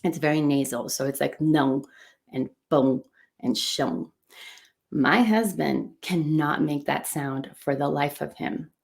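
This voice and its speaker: A middle-aged woman, a native Portuguese speaker who coaches and owns a run club business, delivers an enthusiastic motivational lesson. Her deep, gravelly voice is a little slow and slightly mellow, and she drives her points home by repeating words.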